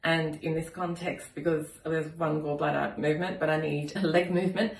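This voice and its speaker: A middle-aged woman with a cold, calmly explaining and demonstrating a kinesiology balance on herself. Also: low-pitched, a little hiss or hum. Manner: calm, explanatory, counts slowly. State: has a cold. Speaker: kinesiology practitioner. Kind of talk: demonstration with instruction. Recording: echoey room.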